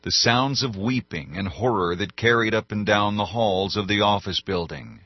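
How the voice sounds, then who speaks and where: A male audiobook narrator reads at a measured, even pace in a low, husky voice. The dry recording sounds a little dull. It's scripted narration.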